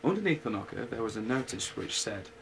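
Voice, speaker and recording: A man reading a bedtime story aloud at an unhurried pace, with casual asides. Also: on the low side, very animated, creaky, slight background noise, rough recording. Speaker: reader.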